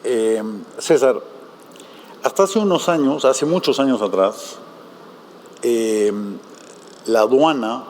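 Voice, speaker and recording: A man moderating a conference panel, putting questions to the panelists with frequent pauses and fillers. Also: mid-range voice, darkish tone, a little hiss or hum. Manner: halting, many filler sounds.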